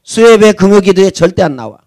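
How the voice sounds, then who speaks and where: A man's voice: high-pitched, lively intonation, fast talker, a little mellow, no room sound. A man preaching a sermon as senior pastor, talking conversationally and asking rhetorical questions.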